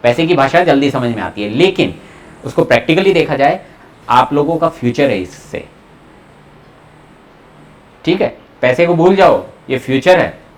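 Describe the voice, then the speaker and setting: A man's voice: mid-range voice, sing-song. A man teaching German pronunciation to a class in a Hindi-English mix, repeating each word for students to echo. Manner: repeats words slowly for students to echo, coaxing.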